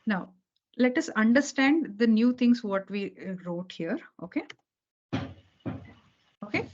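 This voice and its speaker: Slow and animated, with a slightly high, somewhat mellow voice, a woman guides a beginner programming lesson over a video call. She patiently repeats key points and asks "okay" or "right" after almost every sentence to check understanding. The recording is dull lo-fi call audio.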